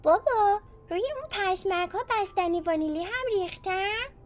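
A tiny, curious little girl in a storybook tale, played by a woman narrator with a very high, piping voice. She talks in a childlike, eager way, and soft music hums faintly behind her. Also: close to an everyday voice. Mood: delighted. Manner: childlike, whiny then excited. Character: small curious little girl, easily bored.

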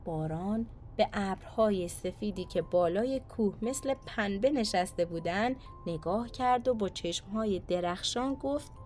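A woman storyteller hosting a children's podcast, narrating a scripted bedtime story in a soft, soothing way. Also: mid-range voice, animated, few pauses, soft background music.

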